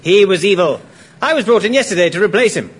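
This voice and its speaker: A man's voice: sits high, animated, quick pace, breathy edge. An actor playing a mischievous male officer who teases people with cruel jokes before taking them back, in a comedic radio play. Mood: teasing. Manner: teasing, playful. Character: joking, mischievous male officer, the good twin.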